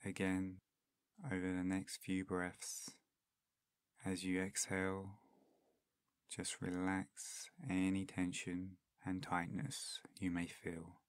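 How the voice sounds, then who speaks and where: Speaking very slowly with long pauses between phrases, a deep-voiced man guides a meditation. He's soft-spoken and extremely even, nearly flat in pitch, with a soothing, unhurried manner. The recording is close and dry.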